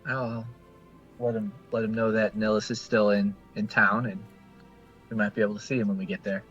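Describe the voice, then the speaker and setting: A man playing in a tabletop game, chatting casually in a slow, laid-back way. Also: on the low side, flat delivery, fairly bright tone, lo-fi sound, soft background music. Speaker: player. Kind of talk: casual chat.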